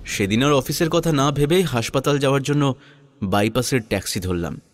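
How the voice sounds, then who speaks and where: A man with a mid-range voice narrates a scripted first-person audio story, using a measured, dramatic storytelling manner.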